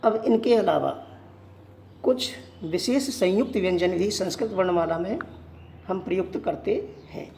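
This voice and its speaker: A teacher giving a Sanskrit grammar lesson, asking questions and answering them, repeating points slowly. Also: medium pitch, warm tone, slight background noise. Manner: poses questions and answers them, slow and repetitive. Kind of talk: classroom-style grammar lesson.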